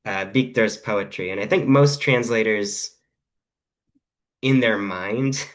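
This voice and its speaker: Low-voiced thoughtful male translator. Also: takes it slowly. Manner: thoughtful, explanatory, with hesitations. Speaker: guest translator. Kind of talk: conversational craft discussion.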